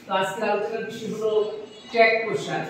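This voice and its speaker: A man teaching an English grammar lesson to his students. He asks questions and answers them himself, and drags out recited word pairs slowly. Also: sits high, flat delivery, a little hiss or hum. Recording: very echoey room, mic at a distance.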